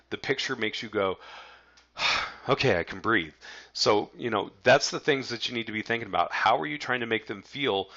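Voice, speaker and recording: Male business coach, fairly low voice, forceful edge, casual rambling delivery, dull lo-fi sound. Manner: conversational, many fillers and restarts, addresses viewers as guys. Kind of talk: casual marketing lesson.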